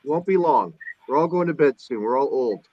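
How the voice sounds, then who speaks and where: A man's voice: medium pitch, lively intonation, normal speed, no room sound. A man in his fifties hosting a casual group video chat, joking and teasing the others. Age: 50s. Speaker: stream host. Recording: dull lo-fi sound.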